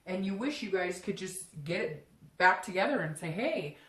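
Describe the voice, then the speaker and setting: In a relaxed, unscripted tarot reading addressed to the listener, a woman chats conversationally and keeps lapsing into imagined first-person quotes. Her pitch is fairly low and a bit bright, with lively intonation and a moderate pace. The room echoes noticeably.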